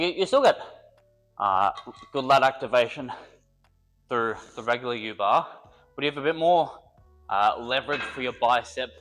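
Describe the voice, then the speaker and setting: A young man who works as a personal trainer chats casually and jokes while working out, sounding a little congested from a cold. He rambles and thinks aloud between sets in typical workout vlog fashion. His voice is mid-range with a fairly bright tone.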